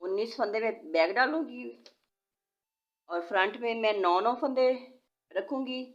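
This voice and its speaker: A knitting tutorial host patiently explains each step and counts stitches aloud in a fairly high voice at a measured pace. A sore throat has slightly changed her voice. The home recording sounds dull and lo-fi.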